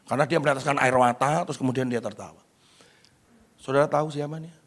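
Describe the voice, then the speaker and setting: A man pastor preaching a sermon in a church, asking the congregation questions and swinging from loud calls to hushed asides. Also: mid-range voice, fairly even intonation, quick pace.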